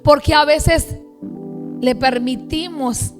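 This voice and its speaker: A woman's voice: high voice, fairly even intonation, takes it slowly, faint music behind. A woman pastor preaching a sermon emphatically, stretching out key words and stacking phrases in lists. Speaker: pastor and prophet. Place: church.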